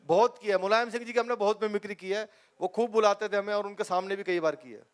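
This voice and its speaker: A man's voice: high voice, fairly even intonation, quick pace, smooth. A man doing live stand-up comedy on stage, chatty and laughing at his own jokes.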